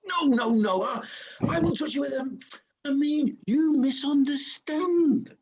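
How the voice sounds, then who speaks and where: A woman playing a nasty old landlord gone soft, speaking in a gruff put-on low voice on a video call. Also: unhurried, a little hiss or hum. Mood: wheedling. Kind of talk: comic pantomime acting. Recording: slightly dull video call audio.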